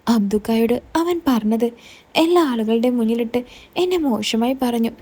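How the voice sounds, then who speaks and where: A woman's voice: a little high, expressive, moderate pace, mellow, breathy edge. A woman voicing a hurt, heavy-drinking middle-aged husband, speaking in an aggrieved way.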